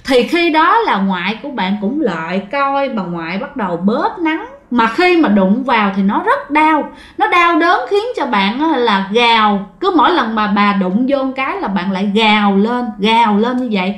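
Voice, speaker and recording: A woman with a high, light voice recounts a ghost story in an easy, conversational manner. She keeps turning to her listeners and acts out what each family member says. The sound bounces around an echoey room. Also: expressive, moderate pace, a bit bright.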